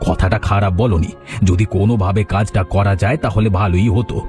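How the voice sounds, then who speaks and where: A man's voice: lowish voice, steady tone, brisk, soft background music, close to an everyday voice. A man voicing a greedy village husband in a cartoon, grumbling, impatient and mocking. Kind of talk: cartoon dubbing.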